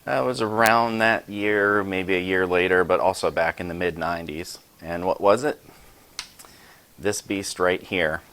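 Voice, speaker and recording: Casting note: forties male vlogger, very low voice, rambling, self-deprecating, casual show-and-tell. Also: steady tone, a little slow, fairly bright tone. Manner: chatty, self-deprecating, rambling asides with sound effects. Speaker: YouTube host showing his sword collection.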